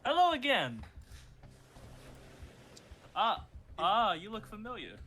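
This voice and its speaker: A man voicing a bumbling, blustering bandit leader in a tabletop game, with a dopey, halting bellow. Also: high-pitched, wildly swooping pitch, bright, forceful tone, pitched above the performer's own voice, heavily acted. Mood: menacing bluster.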